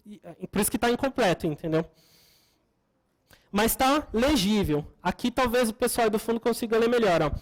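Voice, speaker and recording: A woman with a Brazilian Portuguese accent speaks to a conference audience in a slightly higher voice. She explains technical steps one at a time, often restarting her sentences and checking in with listeners. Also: lively intonation, normal speed, long pauses. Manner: explanatory, often adds tag questions for the audience; frequent self-corrections and restarts.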